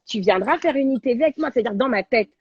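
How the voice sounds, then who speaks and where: A woman, a guest on a talk show, telling a personal story in an animated, slangy, dramatic way over a video call. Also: on the high side, quick pace, slightly rough, no room sound, muffled recording. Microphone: video call on a livestream.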